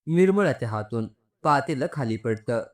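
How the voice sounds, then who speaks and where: A man's voice: medium pitch, expressive, normal speed. A man narrating a scripted, emotional family story with dramatic delivery.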